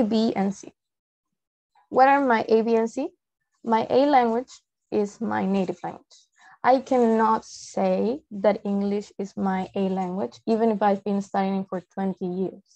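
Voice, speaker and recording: Speaking from inside a room on a video call, this young adult woman from Peru explains things informally in an online presentation, her native Spanish carrying a Peruvian accent. Her voice is mid-range with a dark tone, heard through muffled, low-fidelity call audio.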